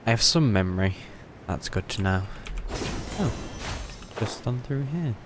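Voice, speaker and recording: A British game livestreamer with a low, expressive voice speaks unhurriedly over video game music and background noise. He mutters his thoughts aloud as casual live commentary, full of dry understatement.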